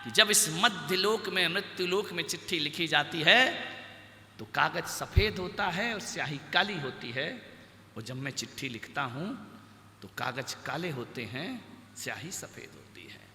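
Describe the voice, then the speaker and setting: A man voicing a stern male god of death who speaks low, measured and cold, in an echoey hall. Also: sharp tone, slight background noise, heavily acted. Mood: stern calm.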